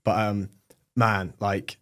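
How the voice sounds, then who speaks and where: Chatty young British man, lowish voice. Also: level tone, takes it slowly, a bit bright. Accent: British English. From England. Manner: chatty, many fillers like "like" and "um". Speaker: guest, agency owner. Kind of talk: casual podcast interview.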